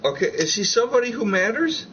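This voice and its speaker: A man's voice: very high voice, fast talker, lo-fi sound, slight background noise. A man hosting a livestream, chatting casually and telling stories with plenty of swearing. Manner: profane, animated storyteller. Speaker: livestream host. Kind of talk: casual chat.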